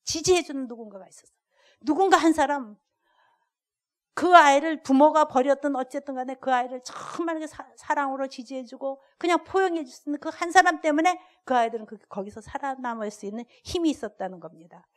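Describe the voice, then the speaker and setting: An older woman, a guest lecturer, preaching a sermon and telling lively stories with acted-out dialogue. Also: high-pitched, brisk. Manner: animated storyteller acting out dialogue. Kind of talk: sermon with storytelling.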